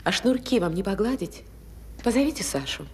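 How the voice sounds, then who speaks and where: A woman's voice: medium pitch, animated, a little fast, a little mellow, husky. A woman playing a haughty, defiant guest in a military film, speaking with sarcasm. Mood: haughty, indignant. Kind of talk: film acting.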